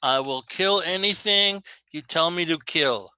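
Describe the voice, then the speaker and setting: A man voicing a gruff, blunt giant cyclops guard who bargains stubbornly in a tabletop game. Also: fairly high pitch, measured pace, pushed and bright. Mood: stubborn haggling.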